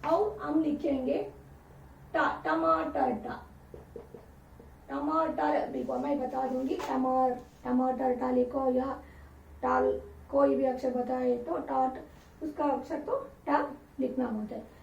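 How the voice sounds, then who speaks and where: A woman's voice: sits high, little pitch movement, slow pace, vocal fry, pauses often, slight background noise. A woman teacher giving a patient alphabet lesson, repeating each letter with example words as she dictates. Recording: roomy, distant, dull lo-fi sound.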